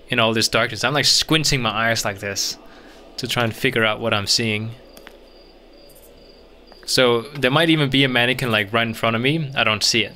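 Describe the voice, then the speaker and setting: A male gaming streamer talks his way through a game in a bright, mid-pitched voice. He thinks aloud, rambling casually to viewers. A little background noise and game ambience sits behind him. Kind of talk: casual let's play commentary.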